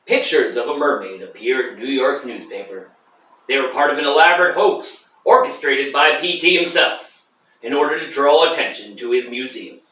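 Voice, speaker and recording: A man co-hosting a podcast reads out a history segment between dry jokes. His voice is bright and lively. He sounds far from the mic in a very echoey room. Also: medium pitch, moderate pace. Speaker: podcast co-host. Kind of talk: casual chat and reading history.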